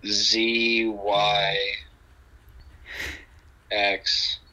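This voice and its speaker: A young man phoning into a podcast as a guest, laid-back and halting in casual chat. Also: fairly low pitch, level tone, pushed and bright, poor audio. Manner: laid-back, halting, says dude a lot. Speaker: phone-in guest.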